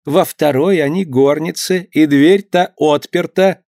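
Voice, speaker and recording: A man's voice: fairly high pitch, a little slow, a little mellow, no echo, clean studio sound, voice pushed up. A man reading an audiobook and voicing a sly, eager serving woman who tells tales.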